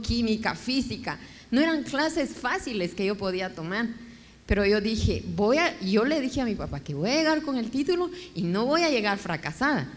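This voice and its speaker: Woman from Guatemala, an interview guest, telling her story with feeling in an echoey hall. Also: on the high side. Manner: animated, emotional storytelling.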